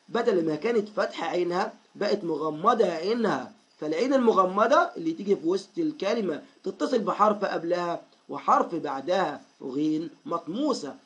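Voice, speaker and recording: Egyptian man, high-pitched, children's reading teacher, slow stretched-out word drills, warm praise. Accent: Egyptian Arabic. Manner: drawn-out, syllable-by-syllable word drills; addresses the class warmly, frequent praise. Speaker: primary school teacher.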